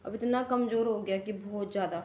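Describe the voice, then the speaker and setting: A woman's voice: mid-range voice, fairly even intonation, fairly quick, lo-fi sound, slight background noise. A young woman, a mother, tells a casual home-vlog story in a rambling, homely way with many restarts. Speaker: mother vlogger.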